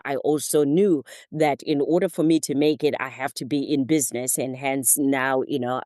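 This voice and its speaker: Zimbabwe-born woman, middle-aged, deep smooth voice, storytelling guest on a podcast. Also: a little mellow, no room sound, studio quality. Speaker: guest, therapist and motivational speaker. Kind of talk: casual interview talk.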